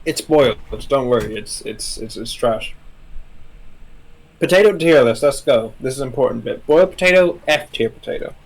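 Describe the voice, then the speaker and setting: A man co-casting a live esports broadcast, with a husky voice and a pitch that swings about. He trades jokes and playful banter with his partner. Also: expressive, normal speed, rough recording. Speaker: esports co-caster. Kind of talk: casual live esports commentary.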